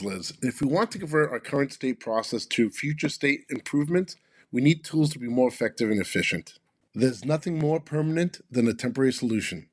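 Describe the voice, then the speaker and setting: A man's voice: mid-range voice, no room sound, clean studio sound. A man co-hosting a business podcast who explains his points emphatically and often ends them with "right?". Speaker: podcast co-host, consultant. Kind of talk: casual podcast conversation.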